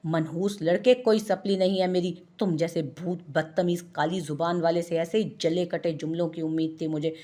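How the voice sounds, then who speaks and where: A young woman with a short fuse, scolding and threatening in an irritated tone, as a woman reads her lines. The voice is a little low. It is part of a narrated audio story. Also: steady tone, normal speed, few pauses, dark tone, lightly acted. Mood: annoyed. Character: hot-tempered young woman, easily annoyed.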